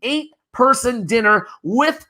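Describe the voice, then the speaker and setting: An upbeat charity auctioneer running a live virtual auction. The voice is bright and forward, and it keeps urging bidders on by name without letting up. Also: mid-range voice, animated, slow. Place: virtual gala broadcast.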